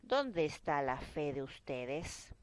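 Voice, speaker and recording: Lady reading as jesus, low calm voice, slow and even, scripture storybook. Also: no room sound, exaggerated voice. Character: calm adult male teacher, Jesus.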